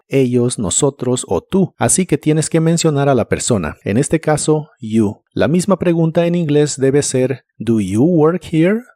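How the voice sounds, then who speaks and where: Male teacher, scripted lesson voice-over; warm, mellow tone, dry close sound. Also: mid-range voice, no echo. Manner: slow, careful spoken examples. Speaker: English teacher.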